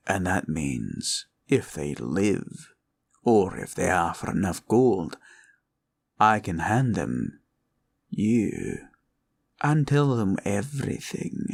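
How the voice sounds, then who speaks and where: In a roleplay ASMR audio, a man voices a scheming, condescending male green dragon villain. His low, gravelly, husky voice is exaggerated, drawn out in a slow, probing drawl.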